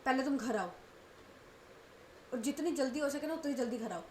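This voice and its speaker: A strict mother, voiced by a woman narrator, orders curtly and sternly in a storybook drama. The voice sits a little high, over faint background noise. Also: expressive, normal speed, a little mellow, echoey room. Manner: stern, curt commanding. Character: strict angry middle-aged mother on the phone.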